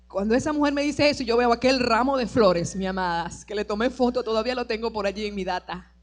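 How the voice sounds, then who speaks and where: Passionate woman preacher giving testimony. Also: fairly high pitch. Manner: passionate preaching, swings from loud declarations to soft tearful recollection. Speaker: pastor. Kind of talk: sermon testimony. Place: church service.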